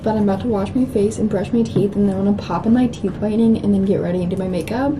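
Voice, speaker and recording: A young woman in her twenties chatting casually and quietly while getting ready in her bathroom, filmed on a camera. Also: mid-range voice, steady tone, rapid-fire, background noise. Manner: chatty, giggly, talking quietly. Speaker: vlogger. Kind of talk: casual get-ready-with-me vlog. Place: home bathroom at the mirror. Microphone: camera on a tripod. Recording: background music over the voice. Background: pop music playing.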